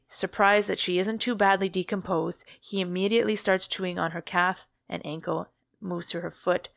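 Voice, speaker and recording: With a gravelly, mid-range voice, a female podcast co-host relaxedly recounts a true-crime case, frequently fixing her wording mid-sentence. The studio-quality recording has no echo.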